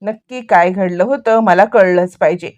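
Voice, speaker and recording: A woman's voice: mid-range voice, normal speed, a little mellow, muffled recording, pitched below the performer's own voice, natural voice. A woman voicing a worried, protective middle-aged father who presses anxious questions.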